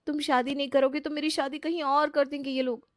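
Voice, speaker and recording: A woman's voice: high voice, flat delivery, brisk, no room sound, studio quality, close to an everyday voice. A woman voicing an anxious young woman in love in a cartoon who pleads. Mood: pleading.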